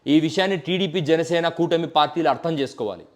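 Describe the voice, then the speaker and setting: A man's voice: a little high, quick pace. A man giving an impassioned political commentary, stacking repeated phrases and mixing in English words. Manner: mixes English words into speech.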